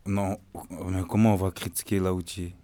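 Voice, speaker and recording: A man's voice: sits low, little pitch movement, fairly quick, dark tone. A man in a group discussion, earnestly arguing his point. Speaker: discussion participant.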